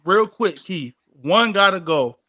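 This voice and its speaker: A man co-hosts a casual podcast in a playful, excitable way. His voice is high for a man and sounds bright and sharp. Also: unhurried, dry recording. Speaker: podcast co-host.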